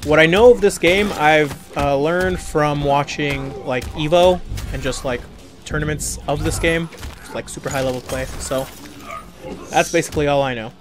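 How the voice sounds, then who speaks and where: A man's voice: a little high, moderate pace. A young man giving casual commentary on a fighting game as he plays it, reacting with groans and muttered remarks at every setback. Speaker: let's play gamer. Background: game music and sound effects.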